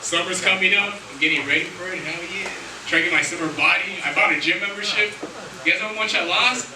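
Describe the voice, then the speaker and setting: A man's voice: sits high, quick pace. A man in his twenties from Los Angeles doing a loose, profane stand-up set, laughing at his own jokes. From Los Angeles, USA. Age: 20s. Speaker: stand-up comedian. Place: small vape shop, indoors. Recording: echoey room, distant mic, loud background noise.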